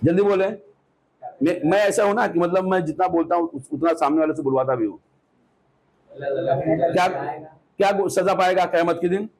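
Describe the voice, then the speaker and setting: A man teaching a hadith class, asking his students questions, repeating key points and reciting Arabic phrases slowly before explaining them. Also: high voice, a little mellow, slight background noise, rough recording. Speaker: Islamic teacher.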